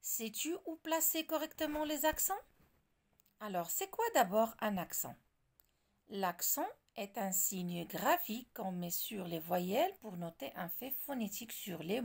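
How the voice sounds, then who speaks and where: A woman teaching a French lesson, explaining slowly and deliberately and spelling out word examples one by one. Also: mid-range voice, vocal fry.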